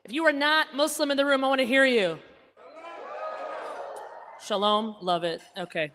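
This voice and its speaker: A woman born in Egypt, hosting as a comedian and emcee, teasing the crowd at a gala in quick, playful bursts. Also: high voice, expressive, a bit bright, slight background noise. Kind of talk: stand-up crowd work. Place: large gala ballroom.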